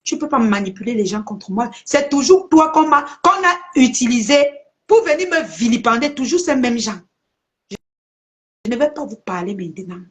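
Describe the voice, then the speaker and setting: A woman rants straight at her followers in a vlog. Her voice sits a little high, and she hammers her points home with blunt, emphatic repetition. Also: sing-song, moderate pace. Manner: confrontational, emphatic, repeats for effect. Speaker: social media personality. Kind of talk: live video rant to followers.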